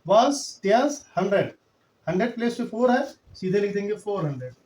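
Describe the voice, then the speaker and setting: A man's voice: sits high, very animated, fairly quick, darkish tone. A man teaching a maths lesson in Hindi-English mix, patiently counting out place values step by step. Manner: patient, repetitive counting aloud. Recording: echoey room, voice from far off.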